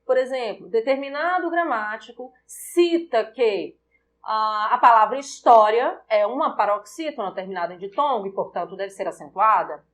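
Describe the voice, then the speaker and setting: A Brazilian woman teaching a recorded Portuguese grammar lesson, speaking deliberately and repeating example words to stress their syllables. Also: a little high, a bit bright.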